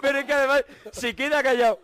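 A man's voice: very high-pitched, steady tone, fast, a crowd in the background. A man hosting a comedy radio show, teasing and scolding the guests like a contest judge. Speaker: radio host. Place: radio studio.

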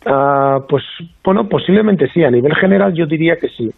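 A male professor of international relations, heard over a telephone line as a guest on a radio talk show, explaining in a measured way and often ending sentences with a questioning "right?". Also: on the high side, expressive, creaky, husky, no room sound. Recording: tinny phone line.

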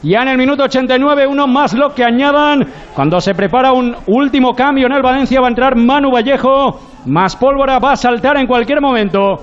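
Very high-pitched Spanish male football commentator. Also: a little fast, highs cut off. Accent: Spanish, from Spain. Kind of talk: running play-by-play commentary.

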